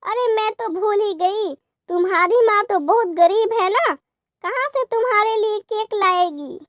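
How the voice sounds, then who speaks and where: A woman's voice: extremely high pitch, unhurried, no echo, studio quality. A woman voicing a mean, mocking schoolgirl in a cartoon story.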